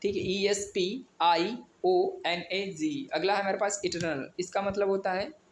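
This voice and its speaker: A man's voice: high voice, unhurried. A man teaching an exam vocabulary lesson, spelling words out letter by letter and mixing in English definitions. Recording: echoey room with faint ambient noise.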